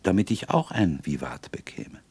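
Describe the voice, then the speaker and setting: A gentle young woman chatting happily and confidingly, as a male reader puts her on with a low voice lifted a little. Her lines swing with lively rises and falls, and the recording is close and dry. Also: normal speed, breathy edge, no echo. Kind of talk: audiobook character reading.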